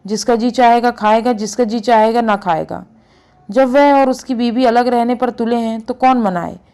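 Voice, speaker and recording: A woman reading as a weary middle-aged village aunt in a spoken storybook. She is resentful and brushes things off with dismissive replies. The voice sits a little high. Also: steady tone, normal speed, dark tone, clean tone, close to an everyday voice.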